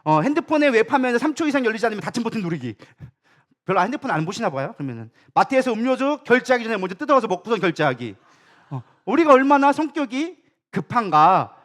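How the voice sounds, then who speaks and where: Fast, high-voiced man preaching a sermon. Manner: lively, colloquial, many rhetorical questions to the congregation; humorous storytelling asides. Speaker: co-pastor. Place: church sanctuary.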